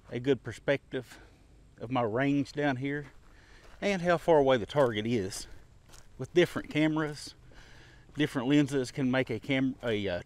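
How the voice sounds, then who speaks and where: Easygoing man explaining at an outdoor range. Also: mid-range voice. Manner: plain, easygoing, explains step by step. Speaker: shooting channel host. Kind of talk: casual instructional vlog. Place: covered outdoor shooting bench.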